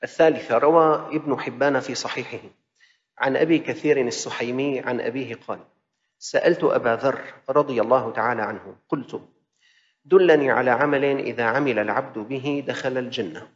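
A man's voice: medium pitch, brisk. Male preacher, rhythmic repeating sermon delivery, long hall reverb. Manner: mixes classical Arabic with colloquial asides, rhythmic repetition. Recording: dull sound in a reverberant hall.

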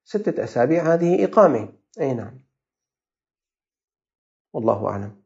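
A man's voice: mid-range voice, sing-song, a little fast, gravelly, darkish tone, lo-fi sound. A man with a Levantine Arabic accent, a religious scholar answering listeners' questions with earnest, fatherly advice.

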